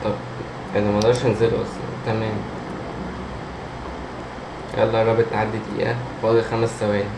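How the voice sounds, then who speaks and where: A man's voice: lowish voice, fast talker. A man with an Egyptian Arabic accent giving casual horror game commentary, jumpy, muttering to himself and talking back to the game's characters. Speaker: gamer, let's player. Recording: roomy echo, steady background hum and noise.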